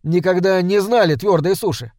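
A man voicing a curious boy astronaut who speaks with excited wonder. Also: sits high, normal speed, dry recording, studio quality, voice pushed up, lightly acted.

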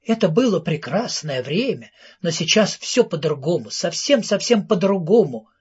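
A man voicing an excitable, famous male storyteller who gushes and rattles off questions, in an audiobook. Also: high voice, breathy edge, lo-fi sound, full character voice. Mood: excited, gushing. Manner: breathless, gushing, rapid-fire questions.

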